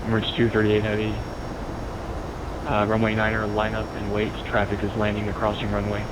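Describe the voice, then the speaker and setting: A man speaks as an air traffic controller on the radio, rattling off clipped instructions at a quick clip in a low voice. The delivery stays procedural, with clear aircraft noise behind it. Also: completely flat delivery. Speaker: air traffic controller on online flight simulation network. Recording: noisy radio with aircraft drone.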